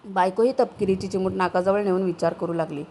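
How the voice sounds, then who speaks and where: A woman storyteller narrates a literary short story in a measured, steady manner. Her pitch sits in the middle, with a faint noise under the recording. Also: low-quality recording. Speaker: storyteller, channel host.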